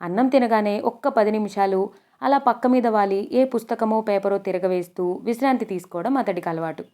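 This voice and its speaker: A woman reads a novel aloud in a steady, even storytelling voice. She narrates in the first person. Her pitch sits at a middle level. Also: fairly quick.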